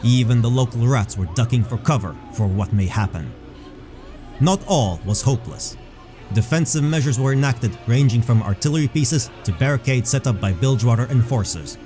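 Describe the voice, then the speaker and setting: A man narrates a scripted fantasy tale in a dark, mellow, mid-pitched voice with lively intonation. His delivery is measured and descriptive, like a storyteller's, and faint music plays underneath.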